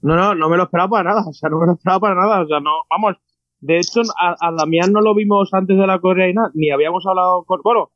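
A man's voice: high-pitched, rapid-fire, no echo. A man, co-hosting a podcast in casual chat, rambling and full of restarts. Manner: excited, rambling with many restarts. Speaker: podcast co-host. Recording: dull lo-fi dry sound.

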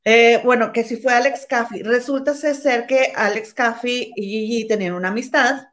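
A woman's voice: on the high side, normal speed, fairly bright tone. Chatty woman dishing gossip. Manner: chatty, keeps calling her partner comadre, reads documents aloud. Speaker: co-host of a gossip show. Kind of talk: casual gossip chat.

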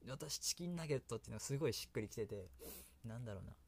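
A man's voice: medium pitch, animated, racing, gravelly, slightly rough. A man with a Kansai accent hosting a casual solo radio talk, rambling and often laughing at himself. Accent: Kansai Japanese. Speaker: solo radio host and creator.

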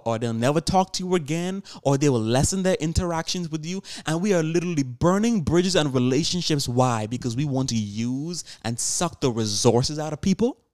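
A man's voice: fairly high pitch, a little mellow, no room sound, studio quality. A seventeen-year-old man hosting a solo podcast, talking earnestly and preachily to his listeners with rhetorical questions, often restarting and repeating words. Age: teens. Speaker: podcast host.

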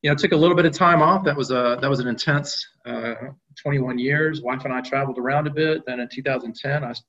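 A man's voice: medium pitch, fast, a bit bright, highs cut off. A middle-aged man answering interview questions as a guest, talking conversationally with frequent fillers and restarts. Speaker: guest, company executive.

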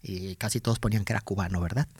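A man hosting an interview, telling stories in a measured way with frequent tag questions. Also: lowish voice, fairly even intonation, darkish tone, breathy edge, no room sound, studio quality. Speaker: podcast host, former TV teacher. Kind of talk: conversational interview.

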